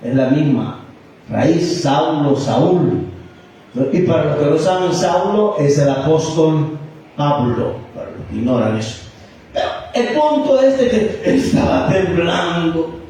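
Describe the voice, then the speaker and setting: A man's voice: on the high side, lively intonation, a little slow, dark tone, slight background noise. A man pastor preaching a sermon, talking conversationally with many rhetorical questions and personal stories. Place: church hall. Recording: echoey church PA from far off.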